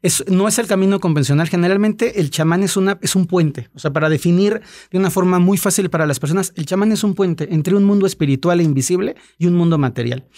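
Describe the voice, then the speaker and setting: Podcast guest, man, high voice, animated storyteller who acts out what people said. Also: fast, hardly any pauses. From Mexico. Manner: animated storyteller acting out quotes. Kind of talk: storytelling in casual chat.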